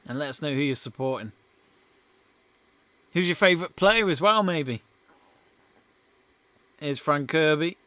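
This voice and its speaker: A man's voice: a little high, animated, a little slow, pauses often, sharp tone, no room sound. A young man hosting a live football watch-along stream, chatting casually, reading out viewer messages and calling the play as it happens.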